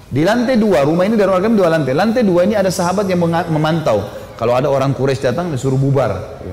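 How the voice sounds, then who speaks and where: A man preaching a sermon, telling a story in an animated, colloquial way with rising emphasis. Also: a little high, quick pace. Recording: echoey hall, faint noise.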